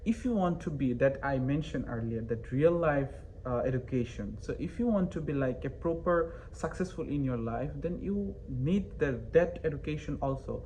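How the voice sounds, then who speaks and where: Hesitant young man, quiet hiss behind. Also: medium pitch, expressive, normal speed, hardly any pauses, low-quality recording. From Bangladesh. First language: not English. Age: young adult. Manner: hesitant, many fillers and restarts. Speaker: interview guest, university student. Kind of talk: casual interview answers.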